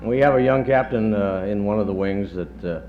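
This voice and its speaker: A middle-aged man with a lowish voice gives an after-dinner tribute, pausing often and slipping in dry jokes. He sounds muffled and dull, as on a worn 1970s reel-to-reel tape, with a faint hum underneath. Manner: halting, many pauses and fillers, dry humor. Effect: on old worn reel-to-reel tape. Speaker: chief of staff giving a retirement speech.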